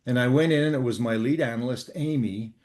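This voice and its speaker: An older Canadian man, appearing as a guest author on leadership, tells a story from his work in an interview. He speaks earnestly and at a measured pace, pausing often and using fillers, in a mid-range voice with a darkish tone.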